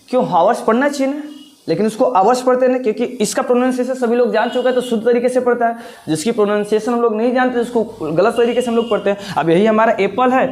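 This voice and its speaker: A male teacher giving a grammar lesson, explaining step by step with repeated words and rhetorical questions. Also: sits high.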